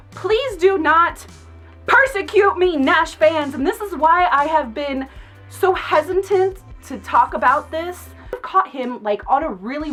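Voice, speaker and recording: A young adult woman, a makeup artist, telling a casual storytime on her vlog in an outspoken, animated way, laughing often. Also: high-pitched.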